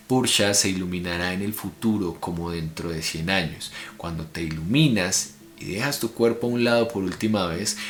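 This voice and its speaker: A calm male spirit teacher explains things in a low, deep voice, as a man with a Colombian Spanish accent reads him aloud. The delivery is a plain book reading with no put-on voice. The sound carries an echo from the room around him. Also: natural voice. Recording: echoey room.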